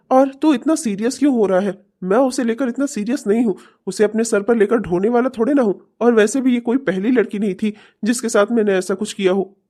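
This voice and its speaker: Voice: mid-range voice, warm tone, natural voice. A performer voicing a scheming, deceitful young man in a cartoon, mocking and laughing often. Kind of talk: cartoon voice acting.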